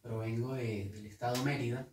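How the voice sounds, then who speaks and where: A man's voice: medium pitch, steady tone, moderate pace, darkish tone, a little hiss or hum. Venezuelan man, earnest, echoey room. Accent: Venezuelan Spanish. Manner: earnest, hesitant with repeated words. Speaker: guest guitarist. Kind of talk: casual interview. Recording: echoey room, mic at a distance.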